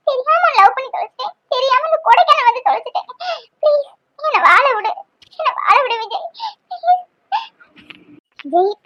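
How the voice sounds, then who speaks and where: A woman's voice: very high-pitched, bright, forceful tone, slight background noise, heavily acted, low-quality recording. A woman voicing a young newly married woman in a cartoon, frantic and tearful, pleading and scolding by turns.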